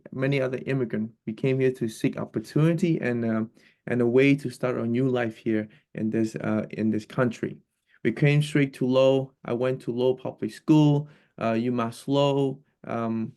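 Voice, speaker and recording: A man in his twenties from Cambodia, introducing himself as a candidate on a video call, talking haltingly with many restarts. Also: medium pitch, creaky, darkish tone. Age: 20s. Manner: hesitant, many fillers and restarts. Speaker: political candidate.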